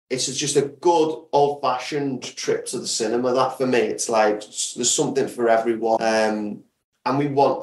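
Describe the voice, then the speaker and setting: A mid-range, slightly mellow male voice belongs to an audio drama creator appearing as a guest in a casual interview. He sounds enthusiastic and emphatic, often repeating words to stress them. The recording has a roomy echo, with him sitting far from the mic.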